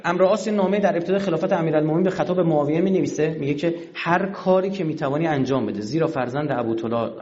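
A man's voice: a little high, muffled recording. A man giving a religious history lecture in a colloquial storytelling manner, acting out the dialogue of the people in his story. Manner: animated storyteller who acts out quoted dialogue.

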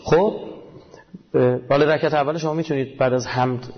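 A man's voice: a little high, fairly even intonation. A man giving a casual, colloquial religious talk, emphatic and full of rhetorical questions he answers himself, with homely everyday examples. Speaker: religious speaker. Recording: dull lo-fi recording.

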